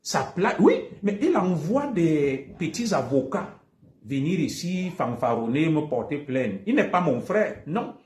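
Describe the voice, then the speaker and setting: A combative man with a Cameroonian French accent rants through a live stream, repeating his points with heavy emphasis. His fairly high voice swings widely in pitch. The room around him sounds echoey. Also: very animated, unhurried, darkish tone, a little hiss or hum. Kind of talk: heated livestream monologue.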